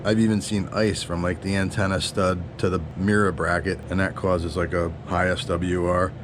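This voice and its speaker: A man's voice: low-pitched, level tone, normal speed, noisy background. A man casually narrating a demo of a CB radio he built, slangy and upbeat. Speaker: CB radio builder.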